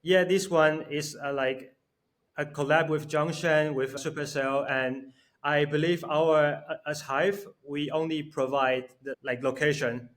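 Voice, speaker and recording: A man's voice: on the high side, steady tone, unhurried, a bit bright. A man from Taiwan, explaining earnestly and in a friendly way as a guest. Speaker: junior developer guest. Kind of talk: casual interview.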